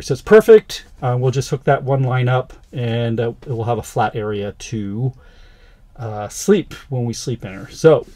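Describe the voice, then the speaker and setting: While repairing his van, a man talks his way through a relaxed vlog, musing aloud as he goes. His voice sits at medium pitch with a slightly mellow quality.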